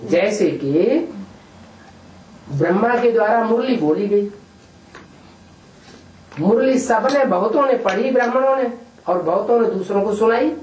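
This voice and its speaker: A man's voice: high voice, expressive, a little slow, pauses often, darkish tone. A man acting as spiritual teacher, answering questions in a patient explaining manner and often checking with a rhetorical question. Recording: echoey room, distant mic, faint hiss.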